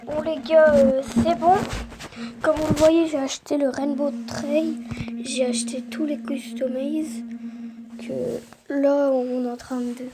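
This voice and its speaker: A woman's voice: high voice, level tone, slow, heavy background noise. A woman casually commenting on her own gameplay, hesitant and full of fillers, often saying "hop". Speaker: YouTuber playing a mobile game.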